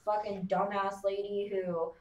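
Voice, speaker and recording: Animated woman groomer in a roomy room. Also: mid-range voice, measured pace, distant mic, dull audio. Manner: animated, profane, heavy use of "like". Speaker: dog groomer. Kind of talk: casual podcast storytelling. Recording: roomy sound, voice off-mic.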